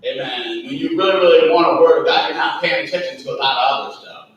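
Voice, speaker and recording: A man's voice: fairly high pitch, fast, highs cut off. A man as pastor, preaching a sermon with a folksy manner, often saying "Amen" and chuckling between points. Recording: echoey church room from far off, faint background noise.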